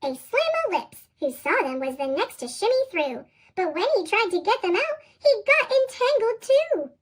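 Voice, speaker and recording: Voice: big pitch swings, normal speed, fairly bright tone. A reader with a sped-up chipmunk voice effect, reading children's picture books aloud in a bouncy sing-song. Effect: sped-up, high chipmunk-style pitch shift. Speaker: storybook reader.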